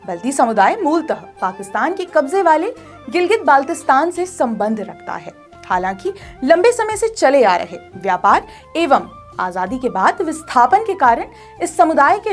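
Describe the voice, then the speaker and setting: A woman narrating a news feature in a formal, scripted reading voice. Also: high voice. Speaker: news presenter.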